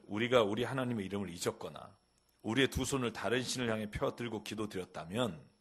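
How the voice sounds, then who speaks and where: A middle-aged man preaching a sermon as a pastor, with a husky voice, acting out quoted questions and his daughter's lines. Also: mid-range voice, pushed and bright. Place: church sanctuary.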